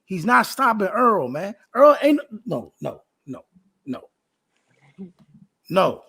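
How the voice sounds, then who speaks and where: Gravelly man in his late forties. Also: high voice, sing-song, takes it slowly, pushed and bright. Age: 40s. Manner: emphatic, repeats himself. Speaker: co-host. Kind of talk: casual sports debate.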